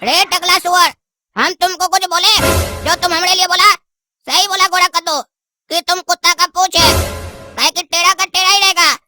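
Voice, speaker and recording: A woman's voice: extremely high pitch, fairly even intonation, moderate pace, pushed and bright, faint music behind, heavily acted. Kala Kaddu, voiced by a woman, a blunt cartoon schoolboy. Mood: scolding. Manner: rough, scolding, insulting. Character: dark-skinned schoolboy Kala Kaddu, blunt and rough-tongued.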